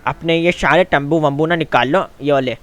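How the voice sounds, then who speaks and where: A man hosting a game video, chatting casually and excitedly, calling his viewers "my son". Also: on the high side, moderate pace. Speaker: gaming channel host. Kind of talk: casual game commentary and role-play.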